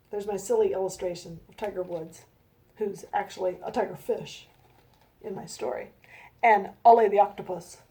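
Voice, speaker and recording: With a slightly high voice, a female author reads from her children's book in a soft sing-song style. She adds friendly, chatty remarks aimed at the young audience.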